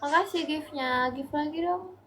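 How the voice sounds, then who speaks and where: A woman's voice: sits high, normal speed, over loud music. A young Indonesian woman selling clothes on a live stream, chatty and tired, pleading with viewers for likes and gifts. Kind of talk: casual live-selling chat.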